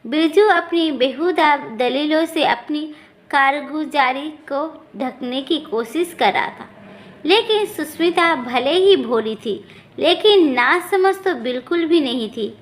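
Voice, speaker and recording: A woman narrating a moral family story in a steady storytelling manner. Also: high voice. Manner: slow, even storytelling.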